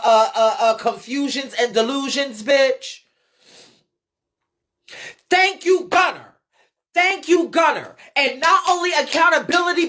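An American live streamer and ballroom scene commentator rants in a high, fairly bright voice on an unscripted stream, answering viewer comments. She's blunt and emphatic, swearing heavily and repeating phrases.

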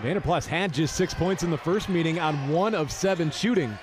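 A man giving fast live basketball commentary as play-by-play announcer, with clipped, urgent calls. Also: on the high side. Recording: noisy arena with crowd behind. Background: crowd and bouncing basketball in arena.

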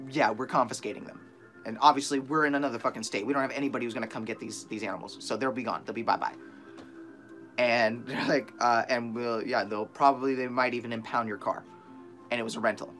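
A young man vlogging from a small bare room, animated and profane as he retells a tense story to a close camera. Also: mid-range voice.

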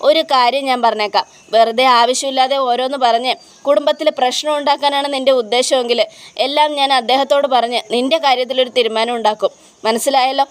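A woman's voice: high voice, steady tone, quick pace, clean tone, lightly acted. A woman voicing a stern, protective old grandmother in a retold TV serial, scolding firmly. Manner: scolding, firm.

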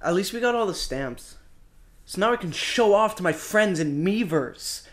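A young man co-hosting a video game playthrough, jokey and casual, swearing often. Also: moderate pace. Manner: jokey, swears a lot, lively pitch. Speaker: co-host playing a video game. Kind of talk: casual gaming commentary. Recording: faint music behind.

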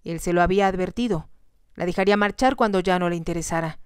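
Female storyteller, soft ASMR reading, gentle and calm, smooth low-ish voice. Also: fast, no room sound, studio quality.

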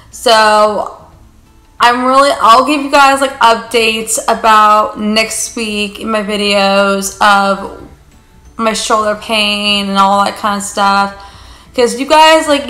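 A young woman chats to her camera from a living room couch in a bright, slightly raised voice. She rambles warmly, stacking up fillers. The room gives her voice a noticeable echo. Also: fairly high pitch. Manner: chatty, rambling, fillers of like and you guys. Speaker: vlogger. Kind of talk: casual vlog chat to camera.

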